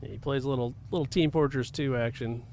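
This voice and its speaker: A man casually chatting with his viewers while he live-streams a racing game. He talks in a relaxed way and chuckles often. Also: medium pitch, quick pace, slight background noise. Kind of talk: casual gaming stream chat.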